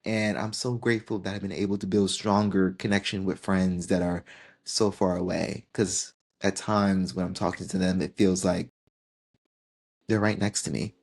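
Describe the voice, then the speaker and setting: A woman in her twenties hosting her own podcast, talking alone in a gentle, heartfelt and unhurried way. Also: rumbling low, steady tone, breathy edge. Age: 20s. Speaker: podcast host. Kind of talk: solo reflective podcast monologue.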